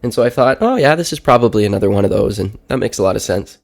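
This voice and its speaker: A man's voice: fairly low pitch, expressive, fast talker, gravelly. A 30-year-old man, sick and congested, sounding nasal as if his nose were pinched, talking casually in a personal audio diary. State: sick with a stuffy head cold. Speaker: podcast segment host.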